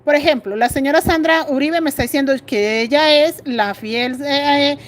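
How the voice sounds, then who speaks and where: A middle-aged Colombian woman teaches crochet on a live stream, speaking Colombian Spanish in a high-pitched voice at normal speed. She's chatty and confiding, thinking aloud as she stitches.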